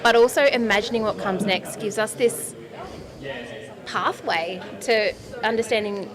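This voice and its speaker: A woman's voice: medium pitch, a little slow. Upbeat woman, crowd chatter behind. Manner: enthusiastic, upbeat. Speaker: conference organizer. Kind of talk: casual conference chat. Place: conference venue.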